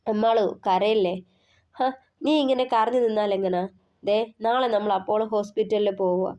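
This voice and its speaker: A woman voicing a caring young man who coaxes and gently teases his partner in an audio story. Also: mid-range voice, fairly even intonation, moderate pace, muffled recording, natural voice. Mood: coaxing. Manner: coaxing, gently teasing.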